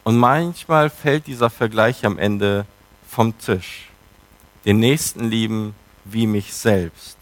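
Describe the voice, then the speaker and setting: A man's voice: on the low side, slow. A man preaching a sermon in a reflective, questioning way, with emphatic turns.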